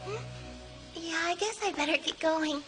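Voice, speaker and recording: Brief: very high, soft-voiced dreamy schoolgirl, music behind. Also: normal speed. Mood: wistful. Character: dreamy teenage schoolgirl, gentle and wistful. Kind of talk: anime dub acting.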